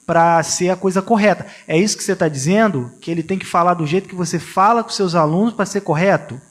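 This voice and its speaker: A man's voice: high voice, fast. A man co-hosting a church live stream, relaying viewer comments and questions to the pastor. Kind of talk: casual live-stream chat.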